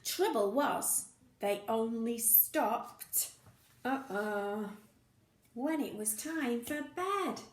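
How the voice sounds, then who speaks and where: A woman teacher reads a picture story aloud to young children, keeping it playful and expressive with sound effects and questions for her listeners. Her voice is fairly high and she reads very slowly, in a reverberant space.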